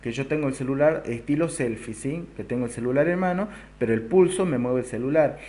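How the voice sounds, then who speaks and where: A man teaching a recorded video lesson, explaining step by step and often checking in with a quick "¿sí?". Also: medium pitch, warm tone. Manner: explanatory, keeps adding a checking "¿sí?". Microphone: close to the recording device.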